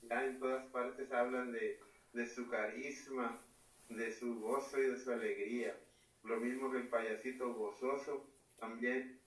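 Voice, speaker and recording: A man, a church brother, greeting children with a blessing, halting with fillers. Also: mid-range voice, steady tone. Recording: echoey and distant, off the mic.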